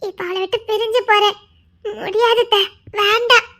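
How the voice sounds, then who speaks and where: A woman with a Tirunelveli Tamil accent playing a young woman who says a soft, tearful, polite goodbye in a comic skit. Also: extremely high pitch, fairly even intonation, normal speed, heavily acted. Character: young woman tearfully leaving her family.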